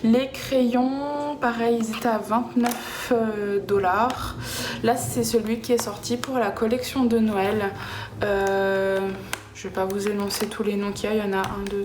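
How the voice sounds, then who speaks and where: A woman chatting casually through a makeup haul, hesitant and full of fillers, recorded at home. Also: medium pitch. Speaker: beauty vlogger. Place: home room with a cat nearby. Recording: echoey room with background noise.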